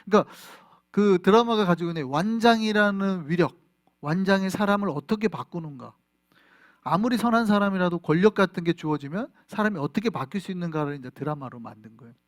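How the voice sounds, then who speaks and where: A man's voice: high voice, expressive, fairly quick, no echo, clean studio sound. A middle-aged man, a pastor, preaching a sermon in a conversational way and often asking the congregation questions. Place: church in Flushing, New York.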